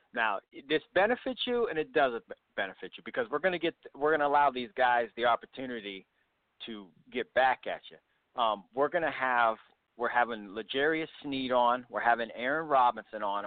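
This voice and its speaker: A man hosting a sports interview show, upbeat and quick, full of "you know" fillers. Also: medium pitch, expressive, no room sound. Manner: fast, upbeat, many fillers. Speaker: podcast host. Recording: tinny phone-line audio.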